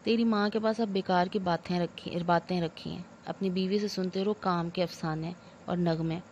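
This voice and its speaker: An aggrieved, theatrical old mother-in-law full of loud laments, as a woman narrator puts her on. The voice sits low and mellow. A dull lo-fi recording with a faint hiss underneath. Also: fairly even intonation, moderate pace, lightly acted. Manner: wailing complaints, theatrical laments. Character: aging scolding mother-in-law, self-pitying and loud.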